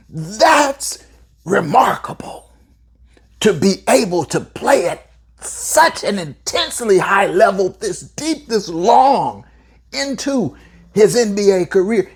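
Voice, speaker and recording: A basketball podcast host delivering solo commentary in a slightly husky, breathy voice. The pitch swings widely while the pace stays slow and unhurried. Key words get stretched out for emphasis, aimed straight at the listeners.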